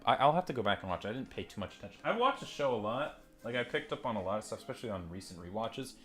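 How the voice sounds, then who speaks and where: Very animated and very fast, this man's deep voice has a slightly bright edge as he reviews toys in a loose, rambling unboxing chat. He's self-deprecating and swears casually, with soft background music, captured through a desk mic and a phone mic.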